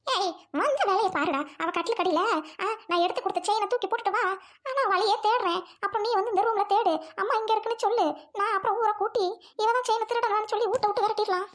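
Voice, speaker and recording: A woman's voice: very high voice, fast. A woman playing a spiteful, scheming village mother-in-law in a family skit, scolding her son and plotting against her daughter-in-law. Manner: scheming, scolding, wailing theatrically.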